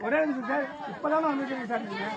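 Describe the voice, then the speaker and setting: Rushed, pleading man on a noisy street. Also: extremely high pitch, dull audio. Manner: pleading, keeps asking for one minute. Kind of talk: defensive street argument. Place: outdoors in an urban street. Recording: crowd noise behind.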